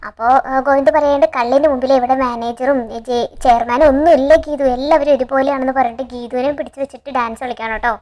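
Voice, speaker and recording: A woman's voice: high-pitched, steady tone, darkish tone. A woman retelling a TV serial episode in a chatty, eager way, quoting the characters' lines as she goes. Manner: chatty, tags sentences with a friendly filler; quick, eager storytelling with quoted dialogue. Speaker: TV serial recap narrator.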